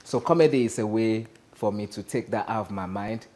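Talking fairly quickly in a lowish voice, a Nigerian comedian sits as a casual guest in a TV studio interview. He's animated, gestures plenty, and asks "you understand?"

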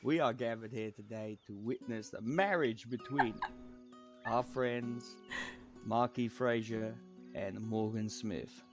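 A man with an average-pitched voice leads a role-play wedding ceremony and addresses the guests in a measured, formal way. Faint music runs underneath. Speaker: wedding officiant in roleplay. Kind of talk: mock-formal ceremony speech.

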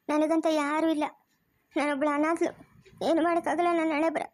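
Brief: woman voicing a lamenting village woman, rural Chikkaballapur Kannada accent, fast, high, dry-sounding voice for a cartoon. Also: darkish tone, no echo, close to an everyday voice. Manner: tearful, lamenting. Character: grieving young village woman. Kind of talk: cartoon family drama acting.

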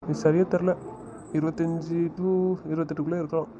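A man's voice: a little high, level tone, fairly quick, background noise. A man talking with his wife on a phone call, teasing her and giving bossy instructions. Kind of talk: casual phone conversation.

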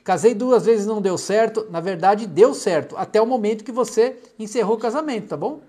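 A middle-aged Brazilian man with a fairly high voice hosts a live stream as a clinical hypnotherapist, chatting casually through viewer comments. He speaks in a Brazilian Portuguese accent, chatty and affectionate, often dropping his voice softly to talk to someone off camera. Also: brisk.

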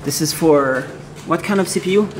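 A man on the high side, at a moderate pace, is both interviewer and camera operator on a relaxed stroll around an indoor open-plan office. Heard from behind the handheld camera mic, he poses brief questions and repeats replies back, amid office noise and camera handling sound.

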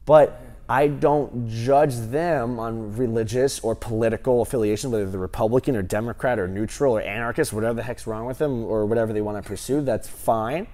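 A man in his thirties, a gym owner, answering interview questions with animated stories and lots of fillers, on a lapel mic in a large gym. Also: medium pitch, brisk, few pauses. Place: large empty gym, indoors.

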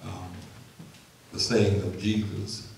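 A man leading an extemporaneous church prayer as a minister, earnest and deliberate, with pauses and repeated phrases in a preaching cadence. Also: low voice, flat delivery, vocal fry, slight background noise. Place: church sanctuary, indoors. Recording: very echoey church, distant mic, loud congregation.

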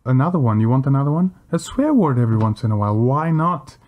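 A man's voice: mid-range voice, sing-song, fast, darkish tone. A man co-hosting a podcast, a non-native speaker whose first language is Portuguese, arguing his views in an opinionated, free-flowing way. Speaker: podcast co-host. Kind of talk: casual chat.

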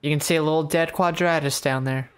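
A man's voice: on the high side, fairly even intonation, clear, resonant tone. Rambling, laughing gamer man. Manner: rambling, laughing, drawn-out tangents. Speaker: let's play co-host, player. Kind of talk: casual gameplay chat.

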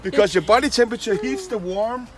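A man's voice: high voice, fast, over music. A middle-aged man giving casual instruction in outdoors on a phone recording. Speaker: ice bath coach. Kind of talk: casual instruction in non-native English. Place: outdoors in a back garden. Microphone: phone camera.

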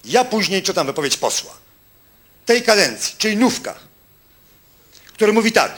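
A male stand-up comedian on stage, delivering a mocking monologue with quick punchlines and asides to the audience. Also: high-pitched, sing-song, fairly bright tone. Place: stage before a live audience.

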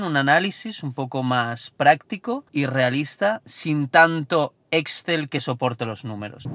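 Speaking in a mid-range voice against background noise and a music bed, this thirties-aged man keeps up relaxed vlog chatter and jokes while driving and showing off an apartment, talking with his hands. The settings shift from his car to the apartment to outdoor mountains.

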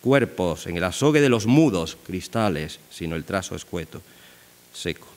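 An older man lectures from behind a desk microphone, his voice sitting fairly low. He digresses often and peppers his talk with fillers and tag questions. The sound carries a long reverb from a large hall. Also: expressive, moderate pace, a little mellow. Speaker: literature scholar giving a conference lecture. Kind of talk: academic lecture.

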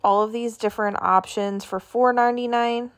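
A woman's voice: fairly high pitch, steady tone, moderate pace. Woman, casual shopping vlog, chatty item-by-item listing, phone-recorded in a store. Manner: chatty, listing items and prices. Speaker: shopping vlogger. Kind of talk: casual product walkthrough. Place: indoors in a grocery store.

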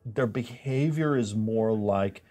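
A man running a tabletop game, explaining the rules in a measured way with small hesitations. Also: lowish voice, mellow, faint music behind. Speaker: dungeon master.

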